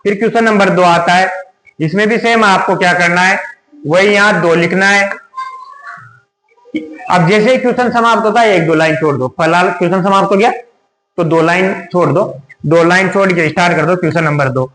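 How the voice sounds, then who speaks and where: Man, teacher, high voice, rhetorical questions, repetitive, roomy echo. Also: brisk, fairly bright tone. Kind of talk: exam tips lesson. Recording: echoey room.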